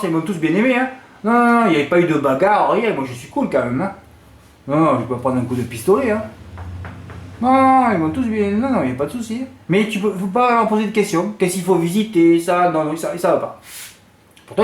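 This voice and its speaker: Middle-aged man, high voice, echoey room; lively storyteller acting out dialogue. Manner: animated storytelling, acts out dialogue in exaggerated voices. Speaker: horse racing tipster. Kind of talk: casual vlog monologue.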